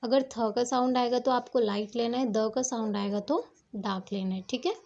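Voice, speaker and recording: A woman with a somewhat high, gravelly voice and a darkish tone speaks at a normal pace, and the audio is dull. She patiently teaches shorthand strokes step by step in a classroom, repeatedly asking "ठीक है" to make sure her students follow.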